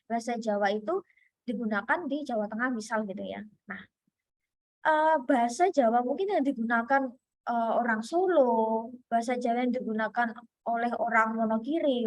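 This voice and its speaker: A woman's voice: a little high, no room sound. Chatty woman lecturer, dry sound. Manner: chatty, many fillers and restarts. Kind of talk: online lecture.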